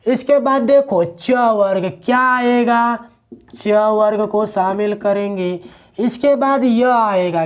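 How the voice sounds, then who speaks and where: A male teacher gives his students a grammar lecture in a rather high voice. He poses questions, answers them himself, and keeps repeating the key words.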